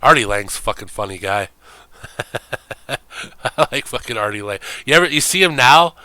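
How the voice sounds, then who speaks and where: A man's voice: mid-range voice, expressive, moderate pace, bright, forceful tone, no echo. A man streaming games, talking in a rambling, profane, casual way and laughing often.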